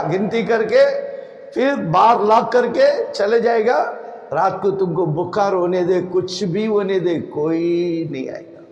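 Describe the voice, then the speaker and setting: A male preacher delivering a sermon in a slow, emphatic style, repeating his warnings. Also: high voice, darkish tone, lo-fi sound. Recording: echoey hall, roomy reverb.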